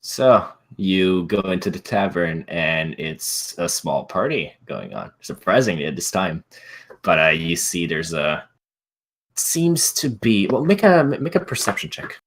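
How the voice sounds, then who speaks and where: Deep-voiced man running a tabletop game. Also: sing-song, measured pace, a bit bright, slightly rough. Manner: loose, hesitant narration with many fillers. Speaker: game master. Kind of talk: narrating a tabletop game, live stream.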